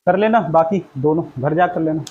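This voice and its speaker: A man teaches a math class, working through each step aloud and firing questions at his students. His voice sits high. Faint classroom noise runs under the recording. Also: moderate pace, phone-quality sound. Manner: explains steps aloud, quizzes the class with questions. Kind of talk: classroom lesson.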